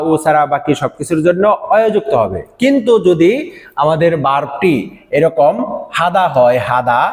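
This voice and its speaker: A man teaching a vocabulary lesson, slowly repeating each word for the listener to say after him. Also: fairly high pitch. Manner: slow drilled repetition of words. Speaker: language teacher. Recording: echoey room with long reverb.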